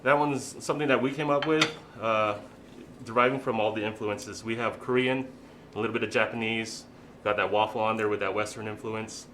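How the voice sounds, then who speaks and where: A man's voice: fairly low pitch, fairly even intonation, fairly quick, background noise. A man, a chef, explaining the dishes in a plain, explanatory way in a studio interview.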